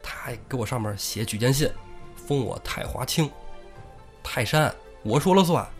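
A man's voice: medium pitch, lively intonation, normal speed, soft background music, lightly acted. A man playing an easygoing male ghost who works as a clerk in the underworld, talking in a breezy, offhand, joking way. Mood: proud.

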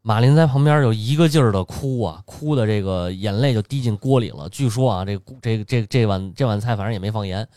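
A man telling a dark folk tale in casual, colloquial podcast chat. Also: fairly low pitch, fairly quick, hardly any pauses, dry recording, clean studio sound. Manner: animated, colloquial, lively delivery. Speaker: storyteller host.

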